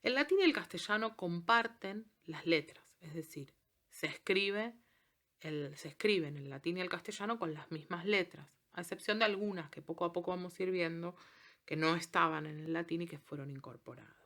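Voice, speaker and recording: Patient woman teaching in slow steps. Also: on the low side, a bit bright. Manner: patient, checks in with frequent "¿sí?"; slows down to spell out example words. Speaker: Latin teacher. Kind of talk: recorded online class lesson.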